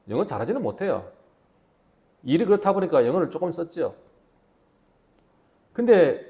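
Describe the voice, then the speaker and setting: A man's voice: on the high side, vocal fry. A middle-aged man preaching a sermon as pastor, telling stories with many rhetorical questions in a church. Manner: animated storytelling, rhetorical questions. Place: church sanctuary.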